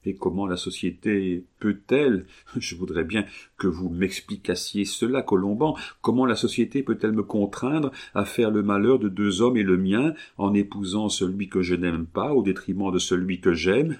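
A man's voice: on the low side, normal speed, a little mellow, close to an everyday voice. A man reading an audiobook, voicing a passionate, determined young woman who presses her questions ardently. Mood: defiant.

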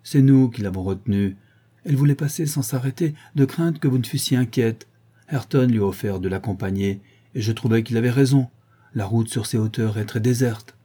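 Man doing a kindly farm servant woman, soothing, reassuring, dark, husky, storybook. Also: medium pitch, brisk, natural voice.

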